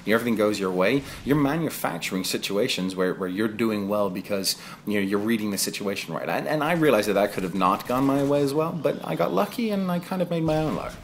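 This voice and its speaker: A man in his thirties with a low, deep voice talks over his own gameplay footage in a loose, conversational way. He drifts from the action into chatty personal asides, recorded as a home voice-over. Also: animated, quick pace, slight background noise. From England. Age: 30s. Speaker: gaming video creator. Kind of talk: casual voice-over commentary on gameplay.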